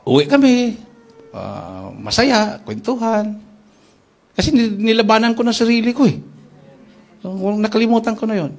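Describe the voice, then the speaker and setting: A man preaching at a church worship service, telling stories in an animated way and acting out the dialogue. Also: high voice, normal speed, vocal fry, pauses often. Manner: animated storyteller who acts out dialogue. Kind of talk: storytelling sermon.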